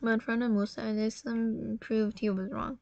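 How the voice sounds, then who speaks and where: A tired woman telling a religious story in a casual, halting way, often correcting herself. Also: on the high side, flat delivery, gravelly, warm tone, highs cut off. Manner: halting, self-correcting, apologetic.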